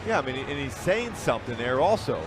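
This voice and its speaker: Fast-talking male baseball colour commentator. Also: mid-range voice, sing-song. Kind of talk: conversational live TV sports commentary. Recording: broadcast booth with clear stadium noise.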